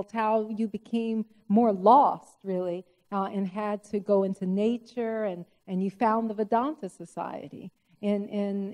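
A woman presenting at a conference, guiding the story in a lively way with many fillers. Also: medium pitch. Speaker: co-presenter and moderator. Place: lecture hall. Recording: hall reverb.

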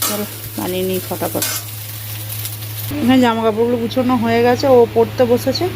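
Woman chatting thru her chores on a home vlog, kinda high voice, noisy kitchen with stuff frying. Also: brisk. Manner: chatty, narrates chores while cooking. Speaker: vlogger. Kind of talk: casual home vlog chat. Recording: noisy room with frying sounds.

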